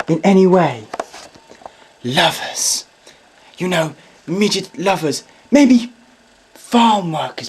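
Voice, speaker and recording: A man's voice: high voice, husky, full character voice, poor audio. A man playing a solemn ghost-hunt presenter. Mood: eager. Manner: solemn hushed narration turning to eager questions. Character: earnest male TV ghost-hunt presenter, overeager. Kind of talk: mock documentary presenting.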